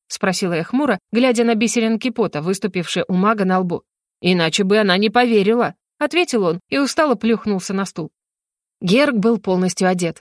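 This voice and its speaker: A woman narrating a first-person novel as an audiobook in a lively, expressive manner. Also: medium pitch, no room sound, clean studio sound.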